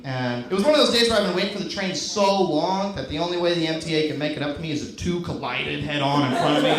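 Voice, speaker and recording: Young man doing stand-up in an echoey club. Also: fairly high pitch. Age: 20s. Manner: deadpan self-mocking delivery with shouted bursts in acted asides. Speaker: stand-up comedian. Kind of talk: stand-up set. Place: comedy club with a laughing audience. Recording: echoey club with crowd laughter.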